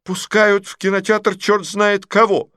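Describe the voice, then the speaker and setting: A man's voice: animated, normal speed, fairly bright tone, dry recording, clean studio sound. A man voicing an indignant middle-aged woman complaining in a cinema. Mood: outraged. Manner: shrill, outraged.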